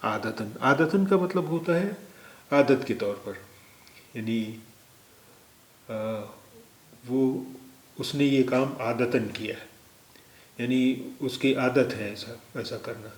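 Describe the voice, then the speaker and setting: A male language teacher who explains vocabulary in a slow lesson style and says each word several times over. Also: mid-range voice, echoey room. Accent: Indian Hindustani. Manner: repeats each word slowly for the learner.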